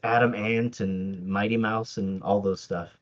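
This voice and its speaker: In a casual interview chat on a podcast, a man whose native language is Tagalog speaks hesitantly, with frequent laughter, fillers, and restarts. His voice is fairly low and steady in tone, a little slow. The audio is lo-fi.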